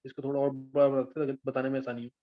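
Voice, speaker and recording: A man's voice: mid-range voice, completely flat delivery, racing. A man teaching chemistry in a live class, patiently explaining step by step and often checking whether his students follow. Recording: dull lo-fi sound.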